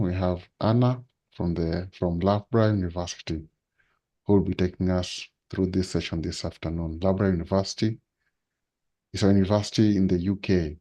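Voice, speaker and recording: A man with a very low, mellow voice hosts an online webinar over a video call. He gives a formal introduction in a speech-like way, repeating his phrases. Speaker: webinar host.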